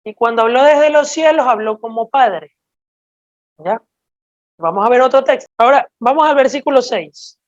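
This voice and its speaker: A woman preaching a sermon, teaching slowly and emphatically and checking in with her listeners as she explains scripture. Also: a little high, dry recording, lo-fi sound.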